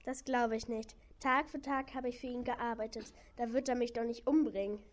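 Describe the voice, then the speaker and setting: Woman plays old donkey, worn out but hopeful; earnest storybook delivery, fairly high voice. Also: steady tone, normal speed, lightly acted. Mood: weary. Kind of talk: children's audio play.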